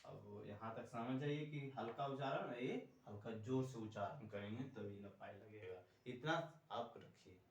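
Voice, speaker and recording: A man's voice: lowish voice, a little slow, hardly any pauses, slight background noise. A male teacher giving a lesson, explaining step by step and asking and answering his own questions. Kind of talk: classroom lecture. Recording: echoey room, distant mic.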